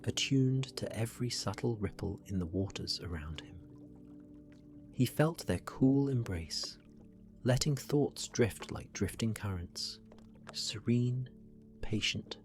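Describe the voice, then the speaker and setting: A man working as a sleep story narrator, guiding relaxation in a gentle, soothing, hushed delivery that drifts toward a whisper. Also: on the low side. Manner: slow, gentle, soothing, often falling near a whisper.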